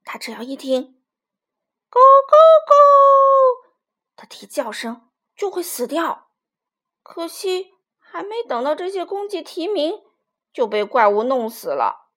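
A woman voicing a frightened male innkeeper rooster who talks loudly and insistently. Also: sits high, sing-song, unhurried. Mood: alarmed. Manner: loud, insistent and alarmed.

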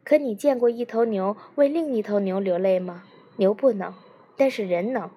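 A woman voicing a calm, firm psychologist. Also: medium pitch, normal speed, slightly rough, lightly acted. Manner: calm and corrective.

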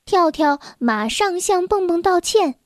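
Slow, high-voiced woman reading a children's story. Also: expressive, dry recording, studio quality.

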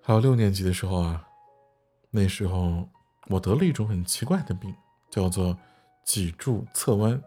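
A man narrating a first-person story read aloud, telling it in a lively, playful way. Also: deep voice, normal speed. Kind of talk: reading an essay aloud as a story. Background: faint background music.

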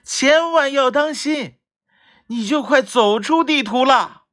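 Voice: mid-range voice, slow, faint music behind, pitched above the performer's own voice. A storyteller voicing an eager, bossy little animal friend in a children's story. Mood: urgent. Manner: excited, loud calls.

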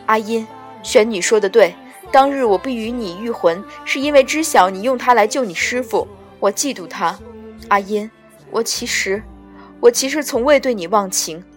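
A woman voicing a remorseful male ghost king, halting and bitter. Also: a little high, close to an everyday voice.

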